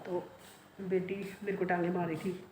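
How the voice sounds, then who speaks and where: A woman's voice: lowish voice, level tone, measured pace. A middle-aged woman vlogging from home, telling a long rambling story straight to her viewers and repeating herself as she goes. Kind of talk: casual chatty storytelling to viewers. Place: home, indoors. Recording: echoey room with clear background noise.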